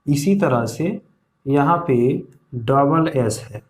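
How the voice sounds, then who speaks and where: A man teaching an English pronunciation lesson, slowly repeating rules and asking the viewers questions. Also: mid-range voice, lively intonation. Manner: slow, repeats rules and asks the class questions.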